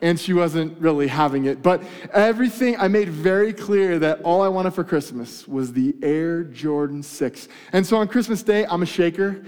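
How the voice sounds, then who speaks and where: A man with a high, smooth, resonant voice tells a story to a live audience, teasing them as he goes. His voice rings out with a long reverb from a large hall. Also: lively intonation, normal speed, darkish tone. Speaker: speaker addressing a live audience. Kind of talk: lively storytelling talk to a crowd.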